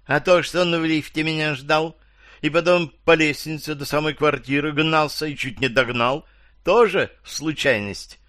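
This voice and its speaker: An excitable old woman witness, put on by a male audiobook reader sits high above his own voice and flings shrill accusations. She is suspicious of everyone in the room. The recording is dry and close. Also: moderate pace, dry recording, lightly acted. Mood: agitated. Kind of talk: audiobook character voice.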